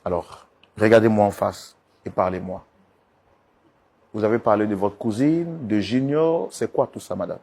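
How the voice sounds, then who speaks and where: A man hosting and mediating a couple's dispute, coaxing and calming them with polite, repeated requests. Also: on the low side, moderate pace. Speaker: host and mediator. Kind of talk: talk show mediation.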